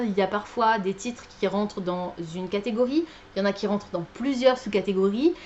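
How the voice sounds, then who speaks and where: Woman book vlogger, tired and chatty, pitched a bit high, slightly dull recording. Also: a little mellow, slight background noise. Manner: chatty, many fillers and self-corrections. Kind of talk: casual chat.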